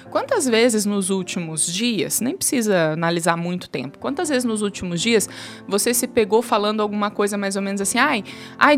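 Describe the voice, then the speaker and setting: A woman in her thirties with a Brazilian accent, a guest explaining communication on a talk show and acting out quoted lines. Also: a little high. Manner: animated, acts out quoted speech. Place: studio talk show with three people.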